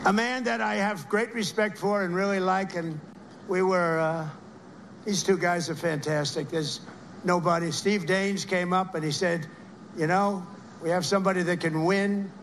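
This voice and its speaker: At a rally, a male political speaker delivers a rambling speech, heaping repeated praise on people in the crowd. His voice sits high and a bit bright, with fairly even intonation at a moderate pace, and there is slight background noise.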